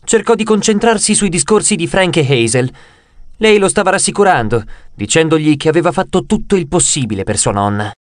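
A man's voice: on the high side, no room sound. Dry-voiced male audiobook narrator. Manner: expressive storytelling, voicing characters' dialogue. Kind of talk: scripted narration.

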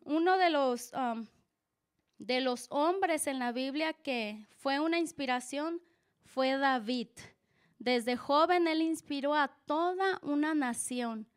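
A woman's voice: high voice, takes it slowly. A woman speaking earnestly at a church service, giving a conversational sermon-style testimony with frequent restarts.

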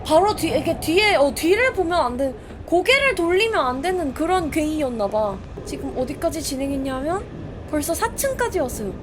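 High-voiced excitable woman streamer. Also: normal speed, noisy background. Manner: jumpy, shrieks and exclaims when startled. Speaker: game streamer. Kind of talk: live gameplay commentary.

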